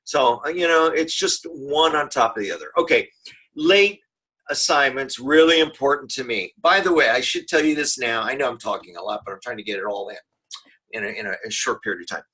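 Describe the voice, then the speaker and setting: A man's voice: mid-range voice, brisk, sharp tone, breathy edge, rough recording. Rambling, sarcastic male business professor. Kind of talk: recorded online lecture.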